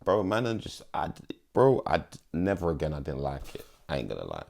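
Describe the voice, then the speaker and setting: A man's voice: extremely low pitch, huge pitch swings, a little fast, vocal fry, darkish tone. A young man giving casual, slangy fight predictions in an emphatic, pleading way. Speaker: MMA vlogger.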